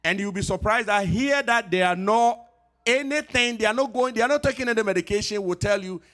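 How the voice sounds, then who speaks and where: This middle-aged pharmacist from Ghana, Ghanaian accent clear, chats informally about health to a church audience. His voice sits high and runs a little fast, and he stays upbeat and joking while repeating what matters most.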